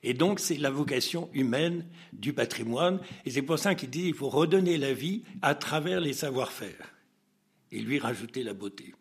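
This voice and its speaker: A man with a husky, slightly rough voice tells an anecdote during an interview. He sits at an ordinary middle pitch and acts out the dialogue. He breaks into laughs and restarts his lines as he goes. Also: moderate pace. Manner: lively storyteller who acts out dialogue and laughs often; hesitant, with frequent restarts. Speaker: interview guest. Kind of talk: telling an anecdote in conversation.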